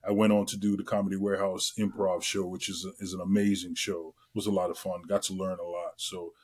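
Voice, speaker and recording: Husky-voiced middle-aged man telling stories. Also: deep voice, brisk. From Trinidad and Tobago. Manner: lively storyteller, many fillers. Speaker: guest entertainer. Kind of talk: casual interview chat.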